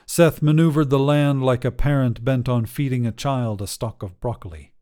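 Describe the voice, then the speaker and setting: Man, story podcast host, scripted narration, calm measured reading, mellow dark tone. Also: mid-range voice, clean tone.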